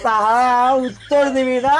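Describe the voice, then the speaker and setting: Man playing a very high-pitched quarrelsome town drunk. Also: steady tone, measured pace, very noisy. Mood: taunting. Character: argumentative town drunk man posing silly trick riddles. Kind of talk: comedy skit acting.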